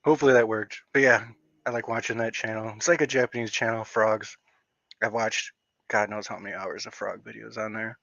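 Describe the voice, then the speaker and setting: Male streamer, chatty and rambling, gets excitable; dry, muffled home-stream sound. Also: lowish voice, a little fast, gravelly, no room sound. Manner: rambling, excitable, heavy use of "like". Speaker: livestream host. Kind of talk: casual livestream chat. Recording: dull lo-fi dry stream audio.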